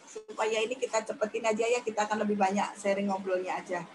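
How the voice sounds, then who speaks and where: A woman's voice: steady tone, fast talker, slight background noise, rough recording. A woman giving a talk on public speaking in a chatty, demonstrative teaching manner. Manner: chatty, demonstrative, acts out high-pitched examples. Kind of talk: radio talk lesson.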